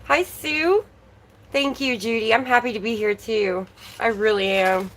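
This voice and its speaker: A woman's voice: on the high side, unhurried, a bit bright, slight background noise, low-quality recording. A woman hosting a casual livestream, chatting and greeting viewers by name while her voice is slightly worn. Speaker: livestream host.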